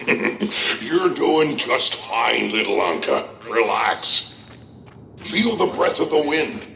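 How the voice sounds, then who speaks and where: An actor playing a gruff, free-spirited old pirate sailor in a video game, with a salty, gravelly, unhurried delivery. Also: male voice, medium pitch, sing-song, sharp tone, echoey room, a little hiss or hum, heavily acted. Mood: hearty, easygoing. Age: older. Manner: slow, salty old seafarer talk.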